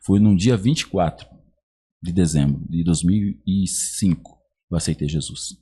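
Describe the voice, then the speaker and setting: A man's voice: low voice, a little slow, mellow, breathy edge. A man in his thirties from Brazil, a podcast guest telling his faith testimony and acting out the dialogue of the people in his story. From Iguape, Brazil. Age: 30s.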